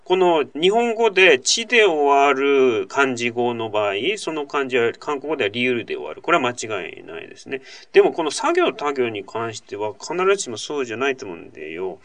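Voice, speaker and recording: A man's voice: medium pitch, a bit bright. A male host in casual radio-style talk, reading out a listener's letter and then explaining at length in a chatty way, full of asides and tag questions.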